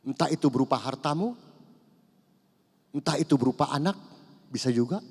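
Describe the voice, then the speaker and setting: A man over fifty, preaching a conversational sermon and swinging between loud emphasis and hushed asides. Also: mid-range voice, animated, normal speed, breathy edge. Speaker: pastor. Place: large church hall. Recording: long church hall reverb.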